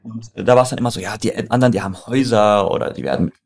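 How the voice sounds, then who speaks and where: This young adult co-founder and co-host talks very fast in a low, darkish voice. Born in Iran and brought up in Mannheim, Germany, he shares personal anecdotes in a relaxed, forceful, colloquial way, addressing the listener directly.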